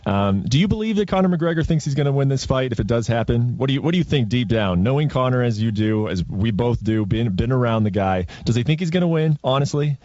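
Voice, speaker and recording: A man's voice: mid-range voice, expressive, fast talker, few pauses, a little mellow, no echo. A man hosting a radio interview, asking questions casually and repeating words as he goes. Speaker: host. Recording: dull dry lo-fi audio.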